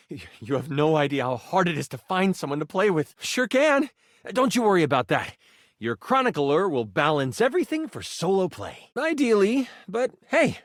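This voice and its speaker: Chance, an excitable high-pitched dice game chronicler. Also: male voice, dry recording, clean studio sound. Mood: giddy excitement. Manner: excitable, theatrical, geeky, slips into mock-archaic flourishes. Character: Chance, eager male living twenty-sided die, nerdy theatrical game chronicler. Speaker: game master character in a video game. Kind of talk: animated video game voice acting.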